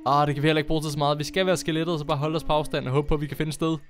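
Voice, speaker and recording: A young man chatting casually as he plays a game on his channel, excitable and quick to laugh. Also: fairly high pitch. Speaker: gaming YouTuber. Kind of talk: casual Minecraft commentary.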